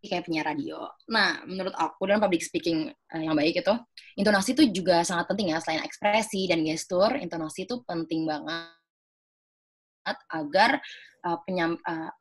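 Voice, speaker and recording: A woman's voice: on the low side, moderate pace. A young woman giving a casual talk on a video call, chatty and full of fillers. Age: young adult. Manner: chatty, many fillers, acts out example phrases. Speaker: speaker at a student organization webinar.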